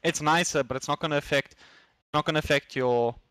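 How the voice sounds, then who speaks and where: A young South African man, an esports player, chats casually as a podcast guest, hesitant, repetitive and full of slang. His voice is fairly high, brisk and slightly bright, with no echo.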